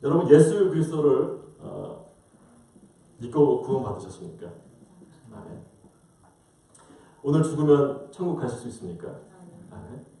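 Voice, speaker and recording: Preaching with a Korean-American accent, this pastor keeps a normal pace but pauses often, his mid-range voice mellow and dark. His delivery swings up and down as he poses one rhetorical question after another and performs different voices. He is captured from a distance by a roomy mic in a big, echoing sanctuary.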